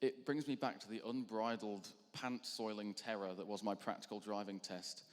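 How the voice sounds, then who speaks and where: A man's voice: fairly low pitch, steady tone, normal speed. A young man doing a stand-up routine between acts at a charity show, rambling and self-deprecating with lots of ums. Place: large hall on stage. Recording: hall reverb.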